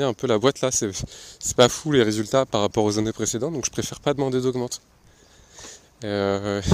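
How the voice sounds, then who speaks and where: A man's voice: mid-range voice, no echo. A man, hosting a podcast on his own and talking casually about management, with lots of fillers and restarts. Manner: loose and chatty, many fillers and restarts, laughs at his own asides. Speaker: podcast host. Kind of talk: casual solo talk on management.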